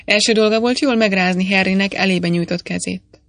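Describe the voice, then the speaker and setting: A woman narrating an audiobook in a steady, measured reading. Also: medium pitch, gravelly, dry recording. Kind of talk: scripted narration.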